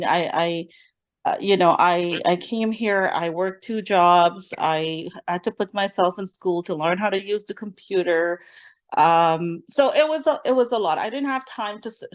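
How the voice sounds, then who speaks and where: A middle-aged woman from Guyana, a business owner, giving an earnest, halting talk full of fillers and restarts. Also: fairly low pitch. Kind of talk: speech.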